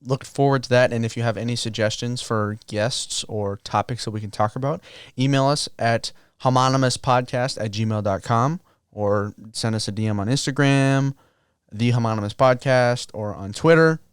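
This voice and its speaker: A young adult man co-hosting a podcast, chatting in a relaxed way from a couch at home. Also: mid-range voice, normal speed, clean tone, no room sound, studio quality. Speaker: podcast co-host. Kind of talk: casual chat.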